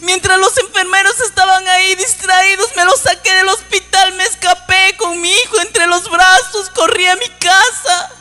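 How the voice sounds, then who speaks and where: A woman's voice: very high voice, fairly even intonation, moderate pace, hardly any pauses, over music. A woman giving an emotional church testimony, tearful and pleading, often calling out to her listeners as brothers. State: crying at times.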